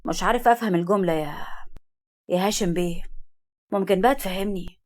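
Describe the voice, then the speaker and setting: Shrewd, commanding old Egyptian grandfather, read by a woman storyteller, brisk and sharp. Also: lowish voice, fairly even intonation, lightly acted. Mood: stern. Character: stern, shrewd old grandfather, family patriarch.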